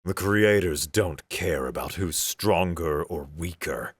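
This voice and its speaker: A man voicing a grim human commander who speaks low and steady in an audiobook story. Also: slow pace, husky, no room sound, studio quality, heavily acted.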